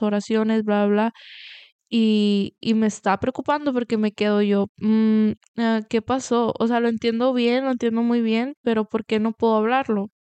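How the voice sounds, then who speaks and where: A woman in her twenties hosts a podcast, speaking in a slightly high, somewhat mellow, clear, resonant voice over a dry recording. Originally from Latin America and raised in the US since moving at twelve, she tells a personal story in a candid, rambling confessional monologue, restarting sentences and tossing in "bla, bla, bla."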